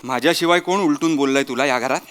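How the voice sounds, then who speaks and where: A man's voice: high voice, animated, normal speed, big-room sound, faint music behind. A man playing a fed-up husband in a stage comedy sketch, talking in an exasperated, pleading way. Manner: exasperated, pleading, rising to shouts.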